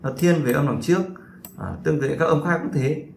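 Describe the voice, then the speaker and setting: A man teaching English pronunciation in a casual spoken lesson, talking with many drawn-out fillers and repeating himself. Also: fairly high pitch, vocal fry. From Vietnam. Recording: echoey room with faint noise.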